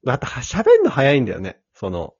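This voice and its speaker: Man reading listener letters, lively. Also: medium pitch, a little fast, breathy edge, dry recording. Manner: reads letters aloud, laughs easily. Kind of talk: casual chat. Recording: dull lo-fi dry recording.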